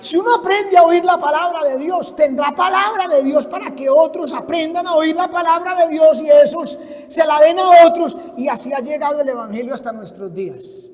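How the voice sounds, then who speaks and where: A man's voice: extremely high pitch, moderate pace, darkish tone. A male preacher giving a fervent sermon, telling stories and calling his listeners brother. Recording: reverberant hall.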